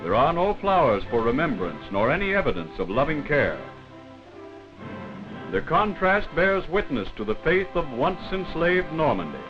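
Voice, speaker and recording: This wartime newsreel narration is read by a man in a formal, dramatic 1940s manner, his fairly high voice making big pitch swings at a moderate pace. Loud music plays behind him on the dull vintage soundtrack.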